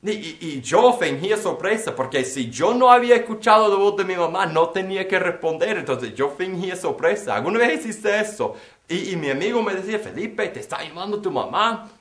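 A man's voice: sits high, animated, brisk. A man preaching a sermon, telling a childhood story and acting out the voices in it. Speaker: pastor. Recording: echoey room.

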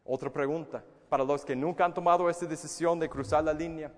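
A man's voice: fairly high pitch, steady tone, fairly quick, in a large hall. A man preaching a sermon to his congregation. He often repeats words and asks many rhetorical questions. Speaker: pastor. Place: church hall.

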